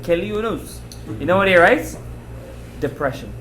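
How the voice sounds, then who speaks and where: A man teaching a Torah class as a rabbi, animated and emphatic, repeating phrases, asking rhetorical questions and dropping in Hebrew terms. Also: high voice, a little slow, roomy sound, a little hiss or hum. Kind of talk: animated religious lecture to students.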